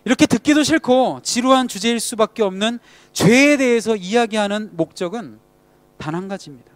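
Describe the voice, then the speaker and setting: A man preaching a sermon to a youth group, speaking conversationally, asking the congregation questions and letting phrase ends trail off quietly. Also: sits high, lively intonation, fairly quick, no room sound.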